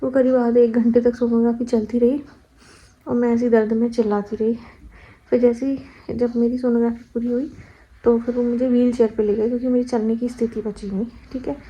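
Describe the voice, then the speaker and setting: Young woman, husky voice. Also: fairly high pitch, fairly quick. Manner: animated retelling, acting out her own past cries. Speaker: vlogger. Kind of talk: casual storytelling vlog. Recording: slightly dull lo-fi sound.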